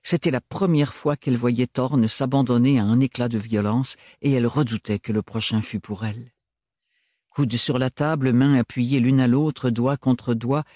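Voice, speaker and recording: A man narrating a novel in a measured audiobook reading. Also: mid-range voice, dark tone, no room sound, clean studio sound. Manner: measured storytelling.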